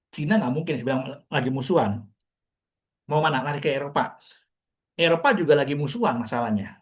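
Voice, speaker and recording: Brisk, chatty market commentator man. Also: medium pitch. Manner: chatty, explaining with rhetorical questions. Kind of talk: casual market talk to an audience.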